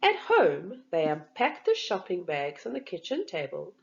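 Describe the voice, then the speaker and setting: For young listeners, a woman reads a children's story expressively and deliberately in a lowish, gravelly voice. The recording sounds slightly dull.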